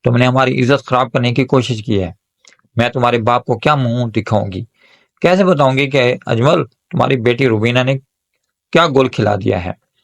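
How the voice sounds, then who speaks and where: A man's voice: mid-range voice, creaky, natural voice. A man voicing a stern, angry middle-aged mother who scolds her daughters in a spoken story. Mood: scolding.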